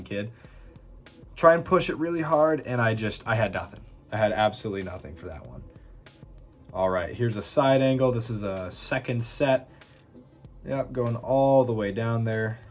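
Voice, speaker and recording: A man's voice: fairly low pitch, darkish tone. Laid-back young man narrating gym clips. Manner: laid-back, self-teasing, many fillers. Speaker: fitness vlogger. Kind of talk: casual voice-over commentary on gym footage.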